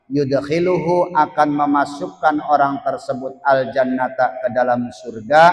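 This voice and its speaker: A man teaching a religious text. He reads Arabic phrases, glosses each one in Indonesian, and puts questions to the women listening. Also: medium pitch. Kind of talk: reading and translating an Arabic text in a study session. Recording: echoey hall with long reverb.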